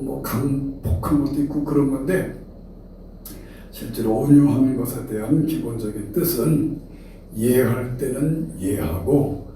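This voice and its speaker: A man's voice: medium pitch, mellow, a little hiss or hum. An older man with a Chungcheong accent, a retired pastor giving an early-morning sermon in a folksy, humorous way and acting out quoted dialogue. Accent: Chungcheong Korean. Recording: very echoey hall, distant mic.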